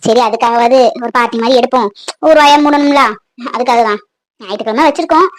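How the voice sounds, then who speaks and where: A woman's voice: fairly high pitch, lightly acted. A woman playing a proud, status-minded mother-in-law who talks down to her guests and scolds the household. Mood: grudging. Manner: dismissive, scolding, fast-talking. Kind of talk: family drama skit.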